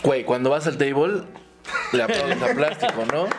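A man's voice: fairly high pitch, sing-song, normal speed, heavy background noise. A Mexican man co-hosting a comedy podcast, telling crude rambling stories, swearing constantly and laughing at his own jokes. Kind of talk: crude casual banter.

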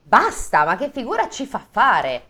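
A woman voicing a rich, blustering old king of steel who bursts out in loud, slow, exasperated lines. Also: on the high side, huge pitch swings, pitched above the performer's own voice, heavily acted. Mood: indignant.

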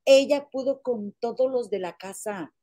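A woman's voice: fairly high pitch, moderate pace, mellow. A woman giving her opinions in a casual gossip chat, repeatedly calling her friend comadre.

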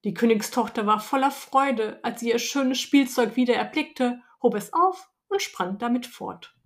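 A woman narrates a fairy tale for a podcast, calm and even. Her voice sits a little high. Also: unhurried. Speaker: podcast co-host and storyteller.

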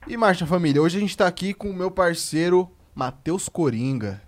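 A man's voice: sits high, animated, normal speed. A man co-hosting a podcast, joking and loose, rattling off promos. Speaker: podcast co-host. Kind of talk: casual podcast chat.

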